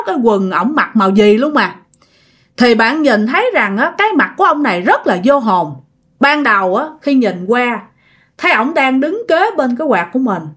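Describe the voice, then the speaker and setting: A woman with a Southern Vietnamese accent tells a ghost story in a casual, chatty way, speaking straight to her listeners. Her voice sits a little high, and she stretches repeated words to build suspense. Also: fairly bright tone.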